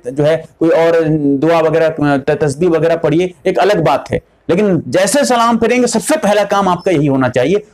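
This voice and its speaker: A man with a notably high voice gives a religious lecture as a mufti. He explains each ruling step by step, repeating himself for clarity. Now and then he slows down to chant the takbeer phrases. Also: darkish tone. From India.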